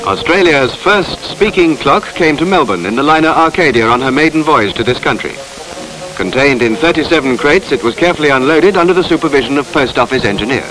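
A man reading formal, measured scripted narration for a 1950s documentary on an old film soundtrack. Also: fairly high pitch, animated, music in the background, low-quality recording.

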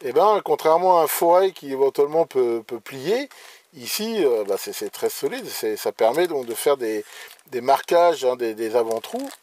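A man's voice: medium pitch, lively intonation, normal speed, a little mellow. A man casually presenting electronics gear he bought, hesitant, with many restarts and fillers. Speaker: electronics hobbyist presenting purchases. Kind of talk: casual show-and-tell.

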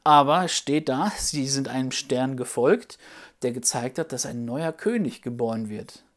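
A woman retelling a Bible story for children, patient and gently explaining, with playful hesitations. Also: rumbling low, animated, normal speed.

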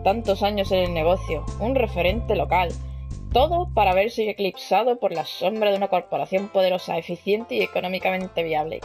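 A woman's voice: medium pitch, normal speed, darkish tone, natural voice. A woman reading as a smug corporate store boss. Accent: Spain Spanish. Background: game music.

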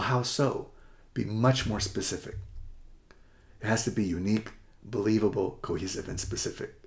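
A middle-aged man giving an upbeat, rushed presentation as a college essay coach, often correcting himself mid-sentence. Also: fairly low pitch, gravelly, darkish tone. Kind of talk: presentation to parents and students.

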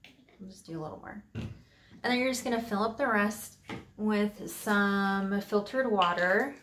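A woman's voice: medium pitch, a little slow, fairly bright tone. A woman vlogger talking casually and upbeat through a DIY tutorial in her home office. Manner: chatty, upbeat, with fillers.

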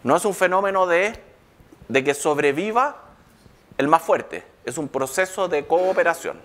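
A man's voice: a little high, animated, measured pace, a bit bright. A man giving a live public lecture, checking in with the audience through constant rhetorical questions.

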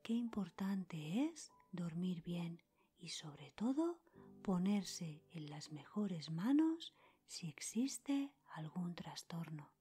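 A female podcast host, pitched fairly low, whispers her way through a scripted guided meditation with music playing behind her. She keeps it soft, breathy and calm, breaking her short phrases with pauses.

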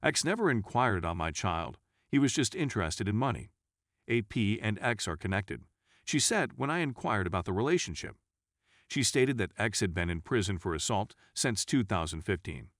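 A man reading out a first-person forum story as scripted narration, at an even reading pace. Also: fairly low pitch, moderate pace, no room sound, studio quality.

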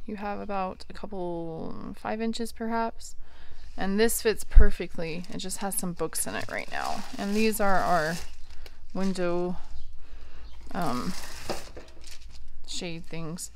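A woman in her thirties chatting casually as she shows off her small wooden camper trailer, with lots of ums and likes, recorded on a handheld phone. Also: mid-range voice. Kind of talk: casual show-and-tell. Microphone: handheld phone camera.

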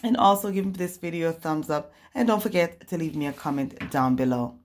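A woman's voice: low-pitched, a little fast, a little mellow. A woman vlogger filming a store walk-through on her phone, earnestly praying for people in a storm's path and urging viewers to subscribe. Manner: earnest, prayerful, addresses viewers as guys. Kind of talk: casual shopping vlog voice-over with a prayer. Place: home goods store.

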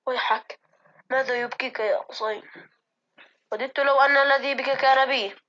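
A woman voicing a dying old caliph who speaks gently and forgivingly in a classroom drama reading. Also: high voice, fairly even intonation, normal speed, highs cut off, slight background noise. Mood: gentle.

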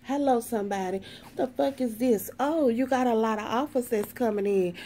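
A woman's voice: on the high side, normal speed, warm tone, a little hiss or hum. A woman doing a sassy, profane tarot reading in a brash, sarcastic way, swearing constantly. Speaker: tarot reader.

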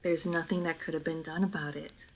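Voicing a formal, guarded aristocratic vampire, a woman speaks to the listener in measured phrases for a roleplay audio drama. Her voice is low and steady with a melancholy, somber tone, and there's slight background noise.

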